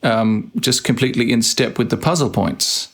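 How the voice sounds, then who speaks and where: A man's voice: mid-range voice, normal speed, fairly bright tone. A man hosting a let's play, playfully muttering his typed game commands aloud in casual commentary.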